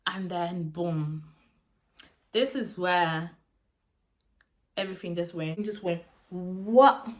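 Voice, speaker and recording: A young woman telling a storytime vlog in an animated, chatty way with lots of slang. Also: on the low side, takes it slowly. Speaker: vlogger.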